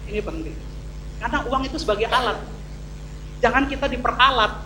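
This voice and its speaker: A middle-aged man preaching a sermon to a church congregation. He jokes, leans hard on key words, then drops to low asides. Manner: lively and joking, swinging from loud emphasis to low asides. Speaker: pastor. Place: church hall. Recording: echoey church hall, faint hum.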